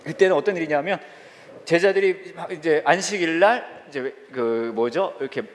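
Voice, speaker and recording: A middle-aged man, a senior pastor, preaching a humorous sermon and acting out little scenes in squealing high voices. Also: moderate pace. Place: church sanctuary. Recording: reverberant church hall.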